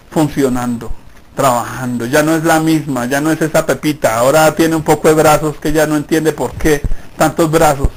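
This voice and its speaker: A man's voice: a little high, poor audio. A middle-aged Colombian pastor preaching a sermon in a conversational way, acting out the voices he quotes. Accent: Colombian Spanish.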